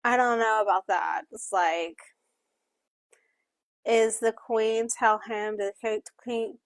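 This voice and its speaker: A woman co-hosting a casual book club discussion, talking in an expressive, chatty way while also voicing interpreted signing. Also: fairly high pitch, slow, dry recording. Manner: expressive, chatty, with frequent fillers.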